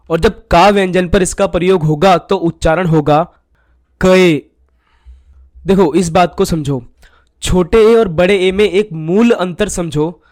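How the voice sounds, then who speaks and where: A man explaining a grammar lesson in a slow, explanatory way, often telling the listener to look. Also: high-pitched, a little mellow, dry recording, studio quality. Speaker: teacher. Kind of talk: scripted Hindi grammar lesson.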